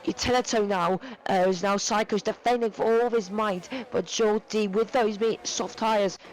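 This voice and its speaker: A man giving live sim racing commentary, excitable and rambling with many fillers, his voice going hoarse and cracking. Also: high voice, normal speed, a little hiss or hum, low-quality recording. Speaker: race commentator.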